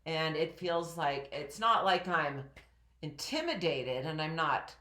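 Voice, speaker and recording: A middle-aged woman with a low voice and a head cold teaches in a calm, coaching way, guiding listeners through breathing exercises. Her voice carries a roomy echo. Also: slow pace. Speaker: personal development teacher. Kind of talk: instructional talk to camera.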